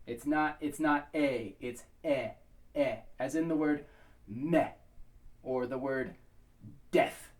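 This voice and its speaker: A man leading a pronunciation lesson for a choir song, slow and careful over each word. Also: mid-range voice, a little mellow, far from the mic.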